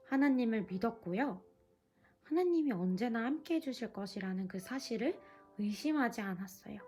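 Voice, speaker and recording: A woman evangelist leading a children's devotional lesson and prayer, coaxing and lively with the kids, soft and hushed when praying. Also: fairly high pitch. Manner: lively, coaxing teacher talk to young children.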